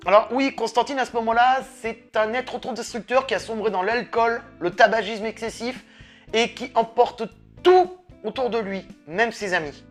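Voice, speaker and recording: A woman hosting a comics review video, lively and sarcastic, swearing casually as she talks. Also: fairly high pitch. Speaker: host of a comics review channel.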